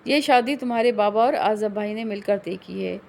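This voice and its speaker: A woman voicing a firm, calm middle-aged mother in an audiobook reading of a novel, speaking in a matter-of-fact way. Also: medium pitch, vocal fry, slight background noise, natural voice.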